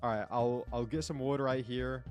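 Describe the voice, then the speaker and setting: A man's voice: medium pitch, steady tone, normal speed, a little mellow, faint music behind. A man streaming a game, rambling casually and talking to his chat. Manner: rambling, chatty, talks to chat. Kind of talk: casual gameplay commentary.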